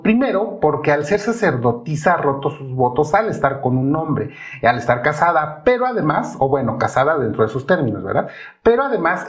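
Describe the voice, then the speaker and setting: A man with a slightly high voice hosts a podcast, recounting the plot of an opera in an explanatory, storytelling manner. He places rising emphasis on his connecting words.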